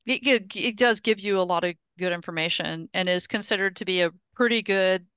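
A middle-aged woman presenting a project at an engineering meetup joins a video call from her home office via headset mic. Her medium-pitched, fairly bright, smooth voice moves a little fast as she gives a casual step-by-step technical update with frequent restarts; the recording is muffled but has no echo.

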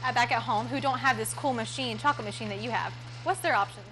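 A woman's voice: a little high, quick pace, background noise. A young woman hosting a morning TV segment in a small kitchen, asking upbeat, friendly questions. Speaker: morning show host. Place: small candy kitchen, indoors.

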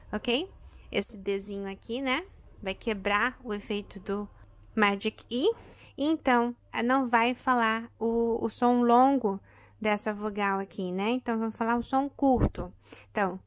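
A Brazilian woman in her thirties, an English teacher with a Brazilian Portuguese accent, giving a pronunciation lesson. She says each example word slowly, twice. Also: a little high, no echo. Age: 30s.

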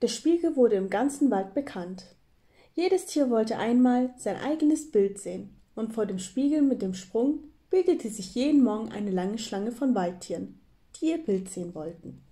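A woman reading a children's storybook aloud, with gentle, clear storytelling. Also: on the high side, expressive, moderate pace. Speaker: reader of a children's book.

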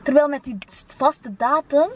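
A woman's voice: high voice, fairly even intonation, unhurried. A young woman with a Flemish accent, arguing casually with friends in slangy speech sprinkled with English. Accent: Flemish Belgian. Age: young adult. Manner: slangy, argumentative, with English words mixed in. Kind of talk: casual debate among friends. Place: inside a car. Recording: distant mic, noisy car interior.

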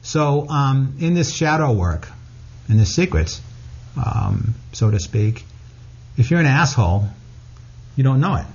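A man's voice: medium pitch, big pitch swings, unhurried, creaky, a little mellow, slightly rough, muffled recording. A man being interviewed as an author, speaking frankly and bluntly, cursing freely. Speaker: guest author. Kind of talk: candid interview talk.

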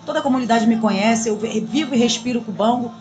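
A woman, talking in a lively, chatty way as a guest in a small radio studio. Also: on the high side, fast. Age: 40s. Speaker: samba school drum queen guest. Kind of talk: casual radio interview. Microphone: studio boom mic.

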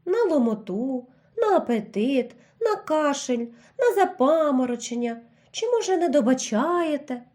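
A woman voicing an old male hedgehog doctor who speaks politely and calmly, with a quietly mocking edge. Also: sits high, unhurried. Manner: polite, calm, gently mocking.

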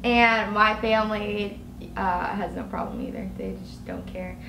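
A woman's voice: mid-range voice, steady tone, measured pace, creaky. A young woman co-hosting a couple's video, chatting casually and giggling, with lots of "like". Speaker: co-host of a couple's channel. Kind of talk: casual chat. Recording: echoey room with noise.

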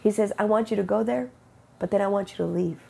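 Here the faith vlogger, a middle-aged woman, has a medium-pitched, warm voice made rough by a cold, and she sniffles as she talks. Her spiritual testimony is earnest and unhurried, with God quoted in conversation. The setting is her indoor bedroom with a bright window, captured on a wired earbud mic in webcam close-up.

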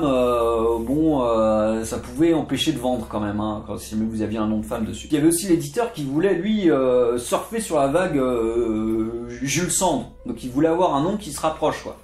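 A man's voice: mid-range voice, expressive, moderate pace, hardly any pauses, a little mellow. A man giving a casual, chatty history lesson, full of jokey asides and digressions. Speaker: literature video host. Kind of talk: casual storytelling lecture. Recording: echoey room with faint guitar music.

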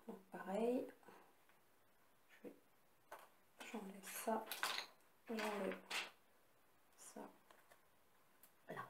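Chatting casually and apologizing here and there, a beauty vlogger displays and swatches the eyeshadow palettes she purchased. Her mid-range voice has a dark tone, and the echoey recording carries a slight hiss or hum.

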